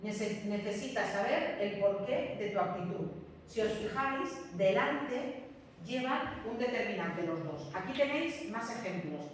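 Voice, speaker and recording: A woman's voice: medium pitch, lively intonation, measured pace. Woman teacher, echoey classroom. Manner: repeats key rules, checks understanding with frequent "¿m?". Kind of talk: classroom grammar lesson. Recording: echoey classroom from far off, faint room noise.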